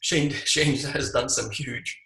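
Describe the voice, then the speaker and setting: A man in his seventies, born in Hungary, speaking as an interview guest and recalling his life in a reflective, halting way with many restarts. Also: medium pitch, steady tone, pushed and bright, echoey room, rough recording. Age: 70s. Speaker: guest, physician and screenwriter. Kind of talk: casual interview.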